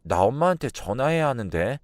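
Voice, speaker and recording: Radio drama: a man playing a little girl, slow and childlike, dry close sound. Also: mid-range voice, big pitch swings, no room sound, pitched above the performer's own voice, natural voice. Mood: plain. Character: small girl, plain and chatty.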